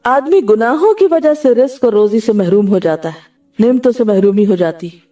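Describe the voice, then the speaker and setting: A woman preaching in a mellow, somewhat high voice. She recites Arabic verses and asks questions she answers herself. She sounds set back from the microphone. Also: lively intonation, normal speed, recorded from a distance, faint music behind. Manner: recites Arabic verses and hadith, then explains them. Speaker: Islamic scholar giving a religious talk. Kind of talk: sermon.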